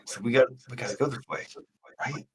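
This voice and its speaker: A man's voice: medium pitch, fast, a bit bright, slight background noise. A man playing a tabletop game, reacting and hesitating casually. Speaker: player.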